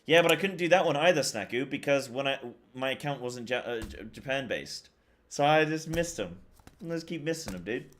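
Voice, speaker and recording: A man's voice: medium pitch, animated, normal speed, a bit bright, a little hiss or hum. A man streaming live, chatting casually with viewers in a rambling, slangy way and repeating his phrases. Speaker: live streamer and esports caster. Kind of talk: casual livestream chat with viewers.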